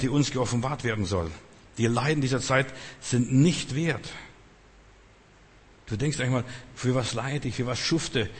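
Preaching without a script in a large hall, a man with a mid-range, slightly rough voice talks directly to his listeners and emphatically repeats phrases. He is a non-native speaker whose first language is not German.

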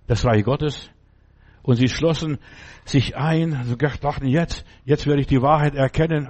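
A man preaching a sermon, talking straight to the listener and asking again and again whether they understand. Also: a little high. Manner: speaks to the listener directly with repeated questions; emphatic, fervent preaching.

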